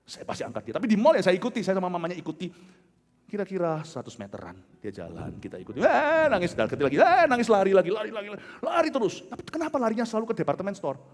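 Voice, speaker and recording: A middle-aged man with an Indonesian accent preaching a sermon as a pastor, telling stories with loud outbursts and soft low asides. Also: very animated, very fast. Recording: large hall with long reverb.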